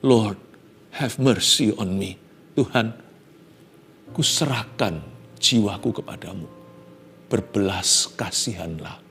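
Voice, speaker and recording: A man acting out a humbled grown man who pleads with God in a soft, broken voice. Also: mid-range voice, lively intonation, moderate pace, pauses often, voice pushed down, lightly acted. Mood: pleading.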